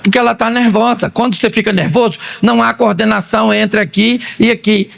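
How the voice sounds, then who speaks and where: Gravelly, high-voiced joking preacher. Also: male voice, a little fast. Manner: animated, joking storytelling with acted-out quotes. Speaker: pastor. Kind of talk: humorous sermon.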